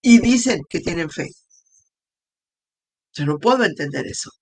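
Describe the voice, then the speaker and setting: A woman's voice: on the low side, expressive, a little slow, a little mellow. Earnest woman preaching. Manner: earnest, exhorting with repeated rhetorical questions. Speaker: host and preacher. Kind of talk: devotional teaching talk.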